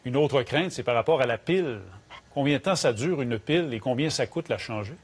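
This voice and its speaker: A man's voice: mid-range voice, expressive, fairly quick, slightly rough. A man in his fifties with a Québécois French accent, a TV news anchor in a studio asking direct, probing questions. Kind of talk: TV news interviewing.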